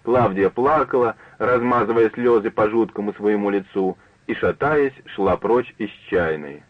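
Low-voiced man reading a story. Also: measured pace, dry recording. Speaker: narrator. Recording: narrow phone-like dry broadcast.

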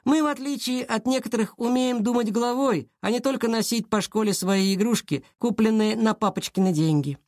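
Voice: mid-range voice, expressive, normal speed, few pauses, a little mellow, dry recording, clean studio sound, voice pushed up, close to an everyday voice. A reader voicing Vlasov, a cocky schoolboy who mocks the other kids with lazy swagger. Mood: smug mocking. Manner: smug, mocking.

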